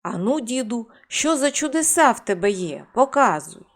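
A woman's voice: on the high side, very animated, moderate pace. A woman voicing a sly, greedy male innkeeper in a folk tale, speaking in a coaxing, eager way.

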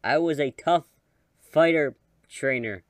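A man reading out a weary old male professor in a fan-made game, in a slow, tired voice. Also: a little high, no room sound, voice pushed up.

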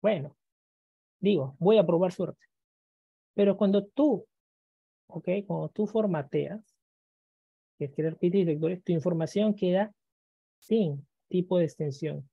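Very dark-voiced male teacher, dull lo-fi sound. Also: high voice, unhurried, gravelly, long pauses, slightly rough, dry recording. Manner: keeps checking in with listeners; acts out students' questions and answers them himself. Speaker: computer teacher. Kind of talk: screen-recorded lesson.

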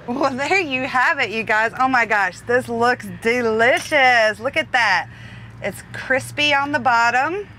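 Bright, gushing woman in a truck. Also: a little high, a little slow, slight background noise. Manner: gushing, exclamatory. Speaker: trucking vlog co-host. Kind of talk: casual cooking chat. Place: inside a truck cab.

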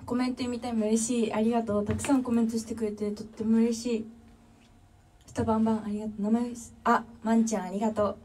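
A woman's voice: fairly high pitch, little pitch movement, quick pace, mellow, a little hiss or hum. Chatty young Kansai woman, distant mic. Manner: chatty and friendly, thanking viewers one by one. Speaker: drummer livestreamer. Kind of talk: casual livestream chat reading comments.

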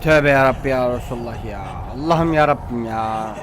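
A man's voice: mid-range voice, normal speed, noisy background. A man giving scared, cursing commentary while playing a horror game, often yelping when startled. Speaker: gameplay streamer.

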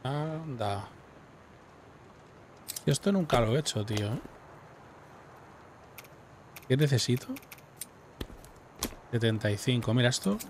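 A man giving relaxed, musing commentary while playing a game at home on a headset. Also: medium pitch, measured pace, long pauses, slight background noise. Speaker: gameplay streamer. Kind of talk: casual gameplay commentary.

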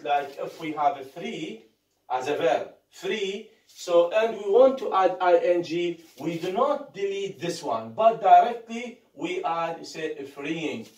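Slow, halting man lecturing on grammar. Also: high voice, a little mellow, far from the mic. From Iraq. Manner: halting, many fillers and rhetorical "what?" questions. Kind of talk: recorded classroom lecture. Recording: echoey room, voice from off-mic.

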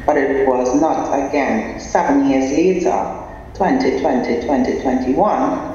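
A man from Trinidad and Tobago, giving a measured, deliberate academic conference presentation. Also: mid-range voice, dark tone, slight background noise. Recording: echoey, dull sound in a large hall.

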